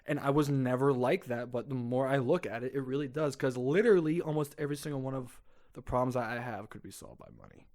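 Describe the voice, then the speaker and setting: A man's voice: medium pitch, fast, darkish tone. A man co-hosting a podcast in casual chat, rambling and stammering while teasing his co-host.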